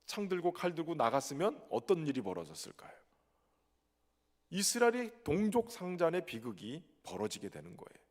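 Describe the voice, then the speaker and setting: A male pastor from Chungcheong, South Korea, with a Chungcheong Korean accent, preaching a sermon in a lively, conversational way with touches of humor. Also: on the high side, long reverb tail. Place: church sanctuary.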